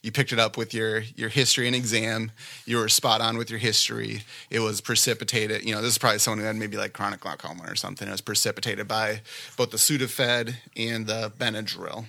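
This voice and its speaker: Gravelly, bright-voiced man giving exam feedback. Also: lowish voice, fast. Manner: relaxed, chatty, uses everyday analogies. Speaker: exam practice examiner. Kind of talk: casual teaching and feedback.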